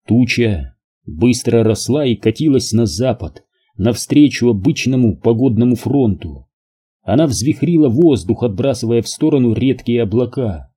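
Dark husky male audiobook narrator. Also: mid-range voice, animated, normal speed.

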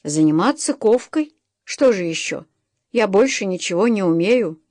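A woman's voice: medium pitch, animated, moderate pace, a little mellow, no echo, studio quality, natural voice. A woman voicing a shy, hesitant young female blacksmith in an audiobook. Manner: hesitant, subdued. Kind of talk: audiobook reading.

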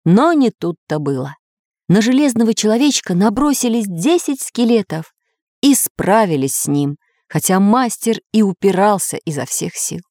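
A woman's voice: mid-range voice, normal speed, no echo, studio quality. Woman reading a children's story. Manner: expressive, storytelling lilt.

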